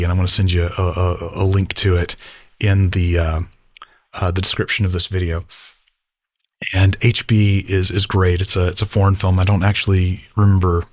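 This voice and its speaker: A man's voice: low voice, dry recording, studio quality. A man teaching about storytelling in a casual lecture, rambling and enthusiastic with lots of fillers.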